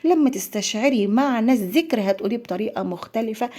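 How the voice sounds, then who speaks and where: Fast-talking Egyptian woman vlogger. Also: a little high, animated, warm tone. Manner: earnest and prayerful, addressing viewers as girls. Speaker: lifestyle vlogger. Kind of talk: heartfelt religious talk to viewers.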